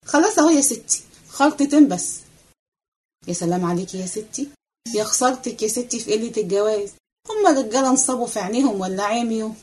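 A woman's voice: on the high side, animated, fast talker, darkish tone, close to an everyday voice. A woman voicing a lazy, cheeky young maid with an Egyptian accent, answering back teasingly. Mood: coaxing. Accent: Egyptian Arabic.

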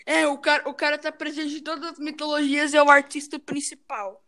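A woman's voice: sits high, flat delivery, brisk, bright, forceful tone. A woman with a Brazilian Portuguese accent, chatting casually with plenty of slang.

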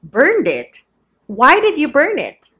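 A woman's voice: high-pitched, wildly swooping pitch, slow pace, sharp tone, pitched above the performer's own voice, exaggerated voice. A woman reading a novel aloud and voicing a grieving young man who speaks with urgent intensity. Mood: stunned.

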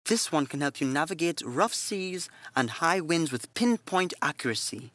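A man's voice: on the high side, lively intonation, moderate pace, dry recording, voice pushed up. Brief: earnest motherly nun, raised lighter tone, voiced by a male narrator. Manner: gentle, earnest counsel. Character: calm, devout middle-aged nun, motherly.

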